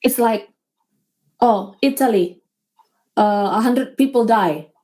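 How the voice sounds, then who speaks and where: A slightly high, dark-toned female voice moves at a slow pace. She is a business owner giving an earnest, motivational talk in a casual interview chat, with small non-native grammar slips.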